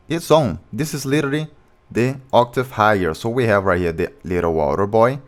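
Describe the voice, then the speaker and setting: A low-voiced man, a music producer, plainly explains beatmaking one step at a time in English with slightly non-native grammar. This casual screen-recorded tutorial has beat music behind his voice.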